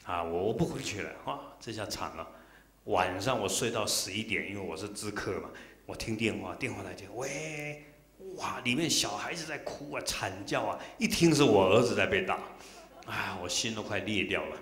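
A man's voice: lowish voice, lively intonation, brisk, a bit bright. A middle-aged man, a Buddhist monk, giving a dharma talk full of personal stories, emotional and acting out the dialogue. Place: temple lecture hall. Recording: roomy hall echo.

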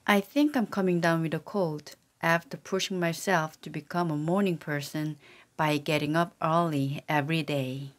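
An artificial female voice with a low pitch recites language drill sentences at normal speed. It's a careful, even read-aloud of repeated lines, produced by text-to-speech.

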